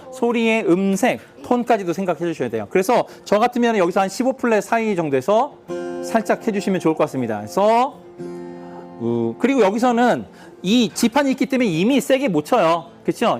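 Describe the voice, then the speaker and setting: Man, high voice, guitar teacher, explains step by step, counts beats aloud, faint guitar behind. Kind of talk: guitar lesson.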